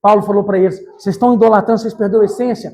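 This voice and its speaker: A man preaching an evangelical sermon in church, fervent and emphatic, addressing the congregation directly and rising to shouts. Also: high-pitched, fairly even intonation, very fast.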